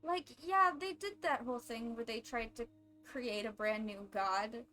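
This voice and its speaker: A woman game streamer giving casual live reaction commentary in an irreverent, sweary, animated way. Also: on the high side, unhurried. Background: game music.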